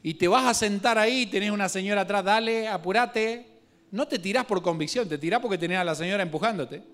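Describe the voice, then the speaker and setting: A Guatemalan-accented male preacher, his voice on the higher side, works humor and local slang into the story he tells from the pulpit. His delivery swings between hushed, unhurried reading and loud, rapid outbursts.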